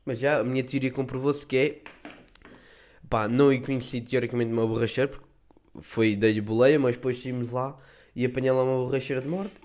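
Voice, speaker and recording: A young man with a European Portuguese accent, hosting a podcast and telling stories in a slangy, rambling, animated way. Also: mid-range voice, fairly quick. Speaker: podcast host. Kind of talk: casual monologue storytelling.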